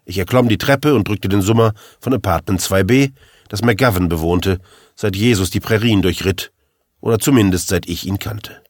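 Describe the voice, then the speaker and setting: A man's voice: fairly low pitch, moderate pace, no echo. A man narrating a first-person crime story as an audiobook in a dry, wry way.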